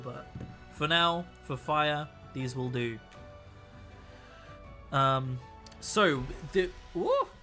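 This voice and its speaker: This is casual live-stream chatter from a young man painting miniatures. His medium-pitched voice has a sharp tone, though it is worn out after a week of talking. Tired and chatty, he rambles and keeps starting his sentences over.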